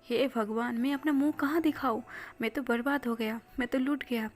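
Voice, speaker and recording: A woman's voice: on the high side, fairly even intonation, normal speed, close to an everyday voice. A woman voicing a theatrical young man who wails and sobs melodramatically in a storybook reading. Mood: wailing. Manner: melodramatic sobbing complaints.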